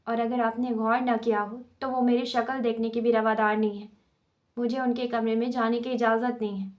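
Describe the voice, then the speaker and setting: A fiery young wife, read by a woman in a storybook drama, ranting and sarcastic at once. The voice sits fairly high but moves little in pitch, so the anger comes through the words more than the melody. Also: little pitch movement, natural voice. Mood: accusing.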